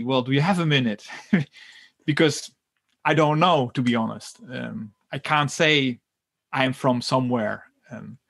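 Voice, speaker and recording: Middle-aged guy on a podcast, kinda gravelly, talks slow and careful with lots of ums. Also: mid-range voice, fairly bright tone. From Netherlands and Germany. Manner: thoughtful, hesitant, with many fillers and restarts. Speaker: guest. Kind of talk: conversational interview.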